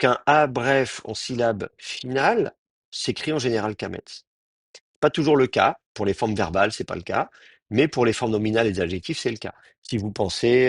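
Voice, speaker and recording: A man's voice: lowish voice, gravelly, husky, dry recording, studio quality. A man teaching an advanced Hebrew class, explaining grammar step by step with many fillers and restarts.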